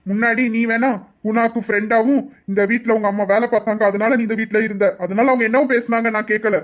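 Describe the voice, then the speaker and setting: A performer voicing a protective young husband in an audio drama, stern and forceful, issuing warnings. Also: medium pitch, fairly even intonation, fast talker, natural voice. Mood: angry. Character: furious young husband defending his wife. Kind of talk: amateur Tamil audio drama.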